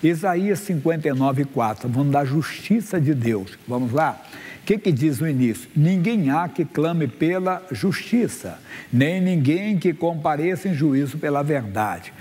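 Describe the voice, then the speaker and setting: Preaching before his congregation from a church stage, a man in his sixties reads Bible verses aloud and asks them questions. His fairly high voice has a dark, slightly rough tone, carried by long hall reverb.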